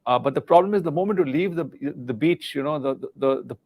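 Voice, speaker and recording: A man's voice: on the high side, fast, a little mellow. A middle-aged man from India, a former business leader, talking earnestly about leadership in a live interview and often repeating words as he searches for the next one.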